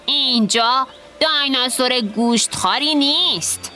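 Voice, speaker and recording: A woman's voice: sits high, pushed and bright. A woman voicing a young boy dinosaur who patiently explains things, reading storybook dialogue over music. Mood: explaining. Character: young boy dinosaur, curious know-it-all. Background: background music.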